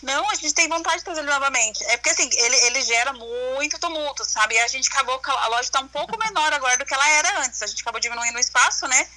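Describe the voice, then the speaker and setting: A woman's voice comes through over the phone, pitched high and very sharp in tone. She is a shop owner in casual chat with a caller. She talks freely and keeps adding small tag questions. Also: quick pace, hardly any pauses, low-quality recording. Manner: chatty, with frequent tag questions. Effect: heard over the phone.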